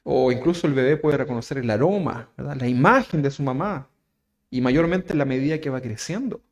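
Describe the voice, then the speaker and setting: A man with a Chilean accent preaching a sermon as pastor, asking his listeners questions and tagging lines with "¿verdad?", swinging from loud emphatic phrases to soft asides. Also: medium pitch, a little fast. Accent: Chilean Spanish. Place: church.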